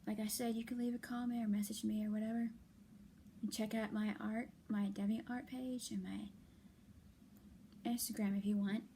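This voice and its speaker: This vlogger is a tired young woman unloading to her audience late at night, her slightly hoarse, mid-range voice soft, hesitant and frequently dropping to a half-whisper. She keeps a level tone and uses lots of fillers, while a faint hiss or hum sits underneath.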